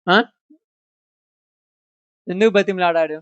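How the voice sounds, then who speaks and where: High-voiced Telugu preacher, emphatic. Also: male voice, fairly even intonation, takes it slowly, a bit bright, smooth, dry recording, highs cut off. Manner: emphatic, asks the congregation questions. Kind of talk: sermon.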